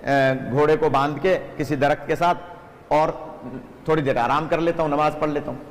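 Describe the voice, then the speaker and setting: A man's voice: a little high, steady tone, pitched below the performer's own voice, lightly acted. A man voicing a frightened male traveler who begs for his life, in a sermon story. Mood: weary. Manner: pleading. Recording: echoey hall reverb.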